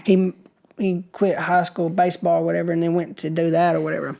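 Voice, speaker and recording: A man's voice: on the high side, brisk, vocal fry. A man, a podcast guest telling a story casually, laughing and acting out what people said. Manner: animated, laughing storyteller, acts out quotes.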